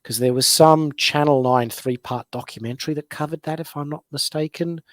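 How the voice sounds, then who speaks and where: A man's voice: fairly high pitch, fairly even intonation, a little fast, no echo. A man co-hosting a podcast, rambling with wry, sarcastic asides and many fillers. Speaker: podcast co-host. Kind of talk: casual opinion chat.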